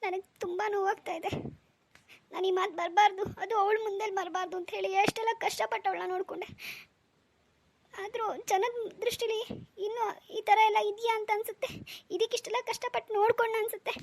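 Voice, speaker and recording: A woman voicing a gentle young stepmother in a cartoon, talking in an earnest, pleading way. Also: very high-pitched, fast talker. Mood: tearful. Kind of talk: cartoon dialogue.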